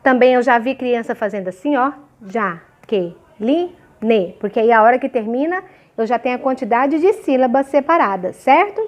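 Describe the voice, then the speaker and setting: A woman teaching a grammar lesson to young children, sounding out example words syllable by syllable and often checking "ok?" and "certo?". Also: high-pitched. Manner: slow, clearly syllabified examples with frequent checking questions. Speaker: primary school teacher.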